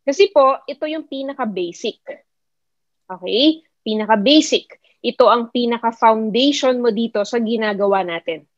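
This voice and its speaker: A network marketing mentor with a Filipino accent and a fairly high voice gives an online motivational talk at a moderate pace, mixing English into her Tagalog. She repeats her main points and keeps questioning her listeners. Her computer mic sounds close, dry, dull and muffled, with no room sound.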